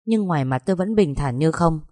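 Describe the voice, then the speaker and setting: A woman narrating a first-person audiobook in a calm, even storytelling manner, on a close microphone. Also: low-pitched, fairly quick, dry recording.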